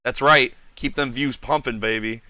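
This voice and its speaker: A male co-host with a bright, forward, crisp voice, recorded dry and close. He trades crude jokes and quick comebacks in a loose online chat. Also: medium pitch, fairly even intonation, dry recording. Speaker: podcast co-host. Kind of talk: casual livestream chat. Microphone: online voice call.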